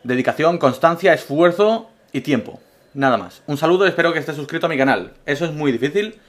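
A man's voice: a little high, expressive, brisk. A man from Spain, a gaming YouTuber, answering viewer questions in a casual vlog with absurd jokes and a Spanish accent. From Castellón, Spain. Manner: joking, absurd humor, swings between loud bursts and mumbled asides.

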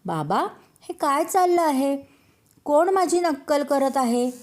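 A woman doing a loud little boy's voice. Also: takes it slowly, heavily acted. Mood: puzzled. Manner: loud calling out, high and excited. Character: small boy, hurt and startled, shouting.

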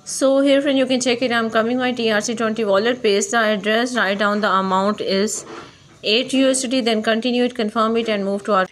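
A woman's voice: on the high side, steady tone, brisk, slight background noise. A woman hosting her channel, walking viewers through a website step by step in non-native English, calling them friend again and again. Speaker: YouTube channel host. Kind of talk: screen-recorded tutorial walkthrough. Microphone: voice-over on phone screen recording.

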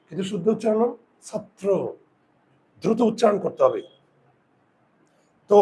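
High-voiced man teaching a lesson. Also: a little hiss or hum. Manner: questioning, repeats words slowly for students. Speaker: Bengali grammar teacher. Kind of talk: classroom lesson.

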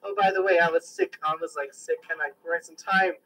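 A man's voice: fairly high pitch, steady tone, brisk, a bit bright, breathy edge, far from the mic, low-quality recording. A young man casually introducing his mixtape tracks, joking and boasting, getting over a sickness. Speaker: amateur rapper presenting his mixtape.

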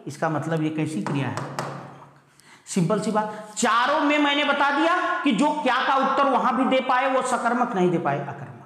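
A male teacher giving an online grammar lesson. He fires repeated questions at his students, calls them "beta", and slows right down to spell out each example sentence. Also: extremely high pitch, very animated, pushed and bright. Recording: very echoey room with long reverb.

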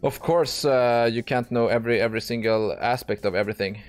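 A man's voice: mid-range voice, brisk, smooth, faint music behind. A man commentating live as he plays online poker, blunt and exasperated, swearing and restarting his sentences often. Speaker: poker streamer.

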